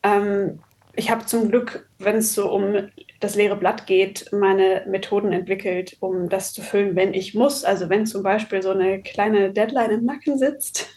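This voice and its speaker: A German-speaking woman, an author and copywriter, is the guest in a casual, reflective interview, chatty and articulate, occasionally dropping in an English word. Her mid-range voice is warm and steady, her pace measured, with slight background noise.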